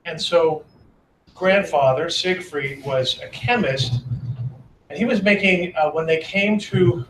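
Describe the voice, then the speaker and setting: A middle-aged man moderates and interviews at a public talk in a lecture hall, chatting and joking with the audience. His voice is a little high, slow and a bit bright, captured from a distance in a roomy hall with a little hiss or hum.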